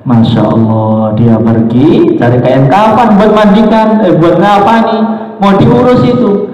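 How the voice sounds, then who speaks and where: A high-pitched young man is delivering a sermon. He swings between slow, sung phrases and rapid speech as he tells a story. He is recorded in a large hall with heavy echo and a long reverb tail. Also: lively intonation, a little mellow, lo-fi sound. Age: young adult. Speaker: preacher.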